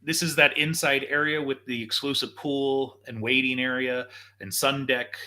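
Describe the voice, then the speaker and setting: A man's voice: medium pitch, steady tone, moderate pace, pushed and bright. A man hosting a casual live show, enthusiastically walking viewers through video footage like a tour guide. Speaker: show host.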